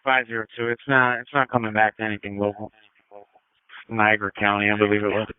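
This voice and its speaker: Fast, very smooth low man on police radio. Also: flat delivery, no echo. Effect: two-way radio. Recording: narrowband scanner radio feed.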